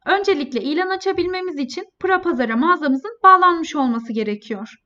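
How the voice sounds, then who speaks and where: A woman presenting a scripted step-by-step software tutorial in a polite, formal customer service manner. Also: high-pitched. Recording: dull, lo-fi voice-over.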